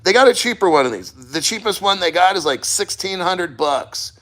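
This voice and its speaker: A man's voice: high-pitched, lively intonation, normal speed, a bit bright. A man talking casually and bluntly to the camera while sitting in ice cold water, rambling and swearing as he goes. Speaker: crypto podcast host.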